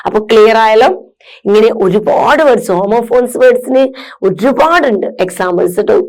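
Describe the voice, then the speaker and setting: A woman with a Malayali accent teaching a recorded English lesson on homophones. She reads English lines slowly, then explains quickly with tag questions and calls her students children. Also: a little high, darkish tone.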